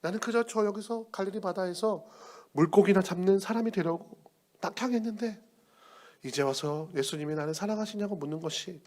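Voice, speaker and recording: A pastor playing a remorseful grown disciple who pleads and reproaches himself after failing. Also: male voice, high-pitched, a little fast, darkish tone, pitched above the performer's own voice, lightly acted. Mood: bitter questioning. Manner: pleading, self-reproaching confession. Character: remorseful grown man disciple, broken by failure.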